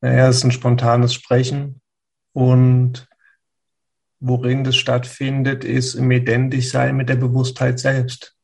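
A man speaking as a spiritual teacher who answers a listener's question in a slow, searching way, with pauses and restarts. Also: mid-range voice, completely flat delivery, vocal fry, a little mellow.

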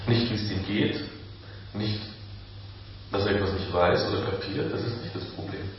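A man, a spiritual teacher giving a calm, reflective satsang talk with slow pauses. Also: on the low side, slight background noise. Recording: echoey room from far off, dull.

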